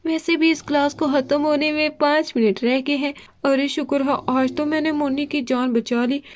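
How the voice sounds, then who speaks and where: A woman's voice: high-pitched, fairly even intonation, moderate pace, a little hiss or hum, close to an everyday voice. A woman voicing a clever older sister girl doll, the best student, in a confident, mildly scolding way in a doll play story.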